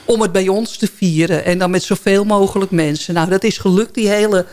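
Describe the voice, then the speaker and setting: A woman on a local radio show as a guest, telling stories in a casual, lively way, often restarting sentences and laughing along. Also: medium pitch, fairly quick. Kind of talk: casual storytelling chat. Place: radio studio.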